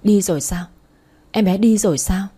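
A woman's voice: medium pitch, moderate pace, dark tone, slightly rough, lightly acted. A woman doing a grief-stricken young wife. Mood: grieving. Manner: dazed, pleading. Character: grieving young wife who lost her baby.

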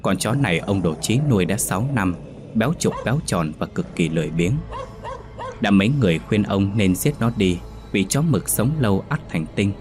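A male storyteller reads a horror tale in a steady, suspenseful manner. His voice sits very low. Soft music plays faintly underneath the narration. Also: moderate pace. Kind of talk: scripted ghost story narration.

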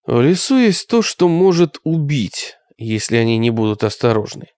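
A man reading a haunted middle-aged survivor who speaks low and unhurried, his words drawn out and heavy as he sinks into brooding. The sound is close and dry, with no room around it. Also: sing-song, clear, resonant tone, no echo, close to an everyday voice. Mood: uneasy. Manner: quiet, brooding, slow. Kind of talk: audiobook character reading.

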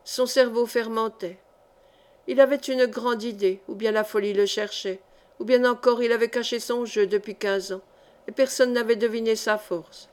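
Lectrice de livre audio, voix assez aiguë. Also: female voice, fairly high pitch, steady tone, normal speed, a little mellow. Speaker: audiobook reader. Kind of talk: reading a historical novel aloud.

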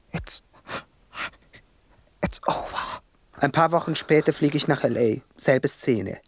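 A man's voice: medium pitch, husky. An actor playing a young male rapper on death row, telling his story in a profane, agitated radio-play monologue. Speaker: narrator of his own story.

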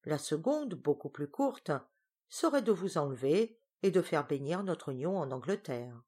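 An ardent young suitor, earnest and full of flattering words, as a woman reading a storybook puts him on. The voice stays fairly low with lively movement. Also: measured pace, husky, exaggerated voice. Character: ardent young male painter, gallant.

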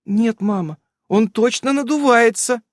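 Very high cheeky young daughter. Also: male voice, big pitch swings, normal speed, breathy edge, dry recording, exaggerated voice. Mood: eager. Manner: very high, bright, childlike.

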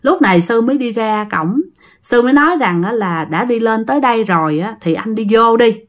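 A woman's voice: fairly high pitch, animated, fairly quick. A woman telling a ghost story in a chatty way, addressing her listeners directly.

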